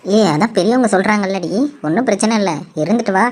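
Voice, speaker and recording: A woman's voice: medium pitch, fast talker, darkish tone, voice pushed down, close to an everyday voice. A woman voicing a firm, reassuring older mother in a comedy cartoon who scolds kindly.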